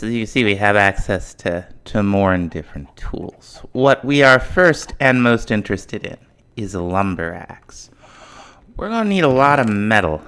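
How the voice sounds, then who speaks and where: A man casually narrating his modded game as a let's play host, thinking aloud in a relaxed, mumbling way, with faint music behind. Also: fairly low pitch, smooth. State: morning voice. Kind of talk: casual gameplay commentary.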